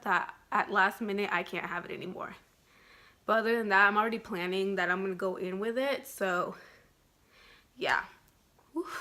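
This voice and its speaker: A woman's voice: mid-range voice, sharp tone. Chatty woman vlogger who rambles. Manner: rambling, fills speech with "like". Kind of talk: casual pregnancy update vlog.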